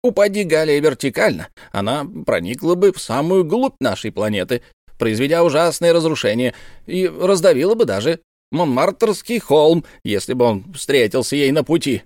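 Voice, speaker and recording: A man's voice: a little high, big pitch swings, moderate pace, a little mellow, dry recording, clean studio sound, voice pushed up. A man voicing a proud, eccentric old male professor who lectures emphatically in an audiobook reading. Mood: emphatic.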